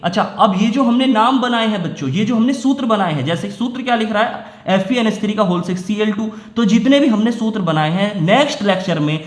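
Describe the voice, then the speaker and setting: A man's voice: high-pitched, expressive, a little fast, hardly any pauses, reverberant. A man teaching chemistry, explaining step by step and often asking and answering his own questions in a classroom lecture.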